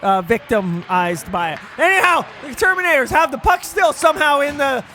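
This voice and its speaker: A man's voice: very high voice, lively intonation, moderate pace, pushed and bright, slight background noise. A man doing playful color commentary on an amateur hockey game, joking between the calls.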